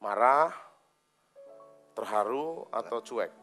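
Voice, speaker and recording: A man preaching a sermon as pastor, swinging dramatically between loud outbursts and hushed lines. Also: on the low side, animated, slow, soft background music. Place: church hall.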